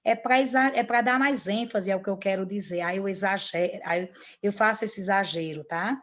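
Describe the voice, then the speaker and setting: A woman's voice: medium pitch, normal speed. A woman teacher giving an online grammar lesson, with many fillers and restarts and a habit of checking in with her students.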